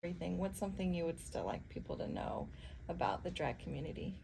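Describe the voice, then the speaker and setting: Casual creaky-voiced woman interviewer. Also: lowish voice, very animated, fast. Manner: chatty, agreeable, peppers questions with "like" and "you know". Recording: clear background noise, room ambience.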